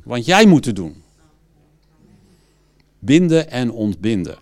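Man, preacher, storytelling sermon, lively, frequent restarts. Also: mid-range voice, slow pace. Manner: lively storyteller who acts out quotes.

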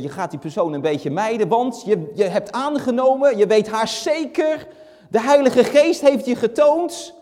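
A man preaching a sermon and reading Bible verses, speaking earnestly and steadily with frequent pauses and fillers. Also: high-pitched, mellow. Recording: long hall reverb.

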